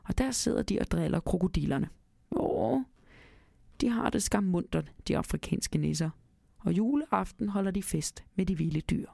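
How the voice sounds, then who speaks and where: A woman voicing a kindly old grandfather in a storybook reading, calmly telling tall tales to his grandson. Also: medium pitch, creaky, no echo, clean studio sound. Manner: calm, storytelling, reassuring.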